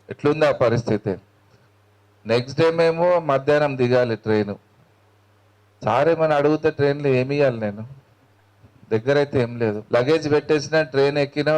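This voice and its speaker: A man's voice: medium pitch, brisk, darkish tone, poor audio. A man with a Telangana accent, a meditation teacher giving a spiritual talk in a colloquial storytelling manner, acting out the dialogue. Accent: Telangana Telugu.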